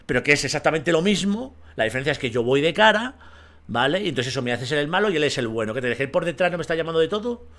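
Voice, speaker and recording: A man's voice: a little high, animated, very fast, fairly bright tone. A man with a Spain Spanish accent, ranting on a livestream in a blunt, profane, combative way and keeps asking his audience if they agree. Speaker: streamer.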